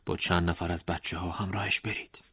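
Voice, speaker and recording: A calm army major who persuades rather than commands, as a man narrating puts him on. The voice is low and husky. The recording is dull and lo-fi. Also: no echo. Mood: persuasive.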